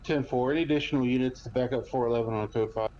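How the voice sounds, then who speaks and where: A man's voice: mid-range voice, fairly even intonation, darkish tone, lo-fi sound. Man dispatching over police radio. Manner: clipped radio codes, measured readback. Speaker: police dispatcher in a roleplay game.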